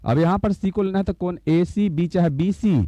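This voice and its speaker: A man's voice: sits high, moderate pace, warm tone, dry recording. A man teaching a school maths lesson. He repeats each term and keeps asking the class whether they have understood. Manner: repeats terms and checks understanding with questions. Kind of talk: slow blackboard lesson explanation. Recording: dull, lo-fi recording.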